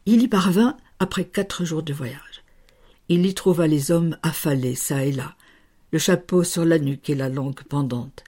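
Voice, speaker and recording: Slow, husky, dark-voiced reader. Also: medium pitch. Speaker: audiobook reader. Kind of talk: audiobook reading.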